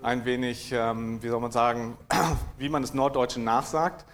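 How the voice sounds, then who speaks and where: A man from giving a technical conference talk, dry in manner, hesitant with many fillers and frequent throat clearing. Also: medium pitch, steady tone, a little slow, a bit bright. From East Frisia, northern Germany. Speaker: conference speaker. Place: lecture room at a conference.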